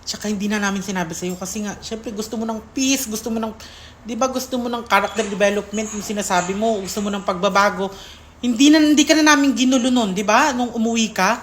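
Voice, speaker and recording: A woman's voice: mid-range voice, quick pace, a little hiss or hum. A woman giving an emotional vlog statement, her voice shaking as she pleads and speaks tenderly to someone directly. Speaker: content creator.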